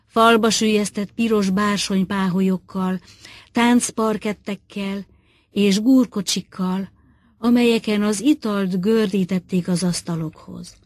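A woman's voice: mid-range voice, darkish tone, dry recording. Woman reading a literary audiobook. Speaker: audiobook reader.

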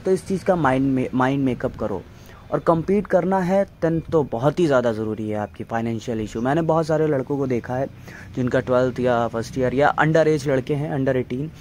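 A man's voice: on the high side, darkish tone, slight background noise. A young man, hosting a fitness channel, giving earnest, blunt motivational advice in a voice-over with English words mixed in.

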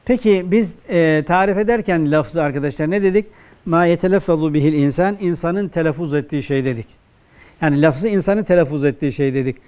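A man with a Turkish accent, a religious teacher giving a classroom grammar lecture, who poses questions and answers them himself, and slows down to quote texts. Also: a little high, clear, resonant tone, highs cut off. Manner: asks questions and answers them himself, slow emphatic quoting.

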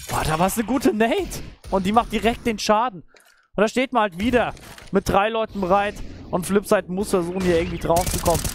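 A man commentating live on a shooter match as an esports caster, in speech. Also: high voice. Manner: esports caster delivery, analytical, exclaiming at big plays. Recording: game gunfire and clicks behind voice. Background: video game gunshots.

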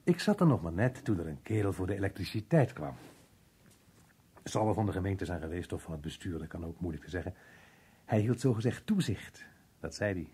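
A confused, evasive fellow in an old radio show. His voice is very husky and mellow, and he rambles haltingly with lively swings in pitch. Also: full character voice. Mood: rambling, confused. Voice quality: husky, rough. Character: muddled, evasive working-class man, slow to grasp questions. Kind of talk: old radio drama acting.

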